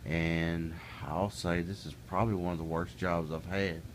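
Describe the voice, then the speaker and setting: In a casual monologue, a middle-aged vlogger addresses the camera in a deep, low voice, keeping a level tone and a moderate pace. He is folksy and plainspoken, but his words turn heated and exasperated over time. There's a faint hiss under the audio.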